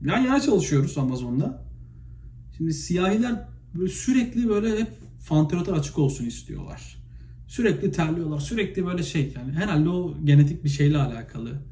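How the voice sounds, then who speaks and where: A man from Turkey talks to his viewers in a loose, spontaneous vlog monologue, piling up fillers and acting out stories with sudden animated bursts. His voice is very dark and mellow but pitched slightly high. The room is echoey, with a faint hiss of noise behind him. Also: a little fast. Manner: chatty, animated retelling with many fillers. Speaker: vlogger.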